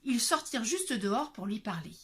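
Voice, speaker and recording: Woman, storybook narration, expressive, lively melody, bright, fairly high. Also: normal speed, husky. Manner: expressive, animated read-aloud.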